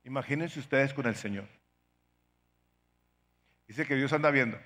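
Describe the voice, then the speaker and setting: A middle-aged man, a pastor, preaching a sermon with pleading, dramatic swings in loudness. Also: mid-range voice, a little slow, in a large hall.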